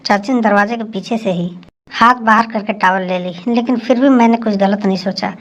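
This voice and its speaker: Woman narrator for a spoken story, even and steady. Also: medium pitch, normal speed. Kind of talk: scripted first-person story narration.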